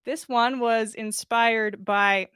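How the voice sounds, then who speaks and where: Chatting on her podcast livestream, a woman reads fan fiction aloud close to the mic, giggling, staying informal and casually swearing. Her slightly high voice is steady, slow and a bit bright, with a clean tone and no echo through a close mic with a pop filter.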